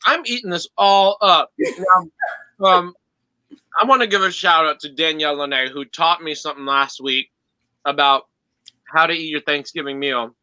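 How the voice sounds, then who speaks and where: A man's voice: a little high, normal speed, sharp tone, smooth, no echo, low-quality recording. A man hosting a casual online show, asking upbeat questions and laughing easily. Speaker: host. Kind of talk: casual chat.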